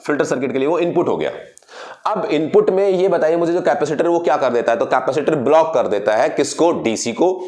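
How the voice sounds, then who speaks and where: Man teaching physics in a higher voice. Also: fairly quick, a little mellow. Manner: explains by asking and answering his own questions, repeating key words; addresses students directly, mixing in English phrases. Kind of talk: classroom physics lecture.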